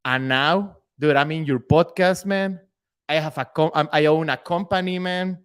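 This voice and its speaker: A young man from Mexico with a Mexican Spanish accent, a roofing company owner talking as a podcast guest in an excited, casual way, dropping "man" and "dude" into his sentences. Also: fairly high pitch, moderate pace, smooth. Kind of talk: casual interview chat.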